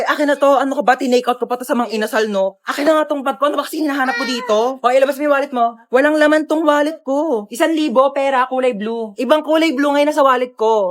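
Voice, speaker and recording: Woman playing every skit role. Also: high-pitched. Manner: quick switches between characters, bantering and teasing. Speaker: comedy skit performer. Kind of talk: comedic POV skits, one performer playing every part.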